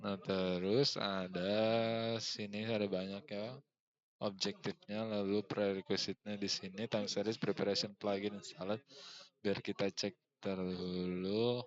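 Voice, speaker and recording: A young man walks through a software tutorial, hesitant and full of fillers as he thinks aloud while clicking. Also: fairly low pitch, little pitch movement, a little slow, lo-fi sound. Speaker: student presenting a tutorial. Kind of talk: screen-recorded software tutorial.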